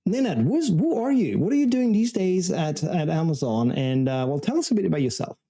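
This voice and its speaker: A man's voice: fairly high pitch, big pitch swings, brisk, warm tone. A man hosting a tech interview show, chatting in an upbeat, easygoing way. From France. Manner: chatty, upbeat, with small laughs. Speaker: show host.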